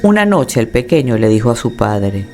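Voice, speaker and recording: A man reading a scripted horror story in a dramatic, measured storytelling manner. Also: mid-range voice, very animated, darkish tone, soft background music.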